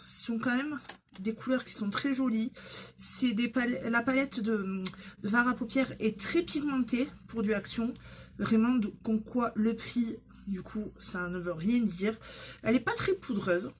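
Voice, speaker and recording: A woman's voice: a little high, slight background noise. A woman vlogging casually at home while doing her makeup, chatting with many fillers and restarts. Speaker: beauty vlogger. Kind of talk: casual get-ready-with-me chat.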